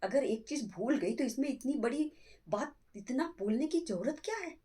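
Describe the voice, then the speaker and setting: A woman's voice: high voice, lively intonation, moderate pace, warm tone, slightly rough. A woman playing a middle-aged mother-in-law in a family skit, scolding her son and defending her daughter-in-law. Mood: lecturing. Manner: scolding, lecturing, emphatic.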